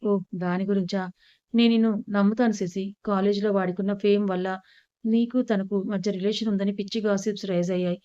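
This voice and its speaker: A woman's voice: mid-range voice, fairly even intonation, brisk, dark tone, no room sound, highs cut off, lightly acted. A woman reading the lines of a devoted young man who speaks earnestly and with hurt. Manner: earnest, pleading.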